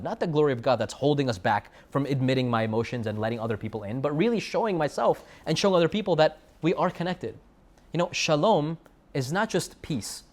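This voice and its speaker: An American man teaching a Torah lesson in a sermon style, animated and full of rhetorical questions. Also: on the high side. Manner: animated, rhetorical questions, sprinkles Hebrew and Yiddish terms.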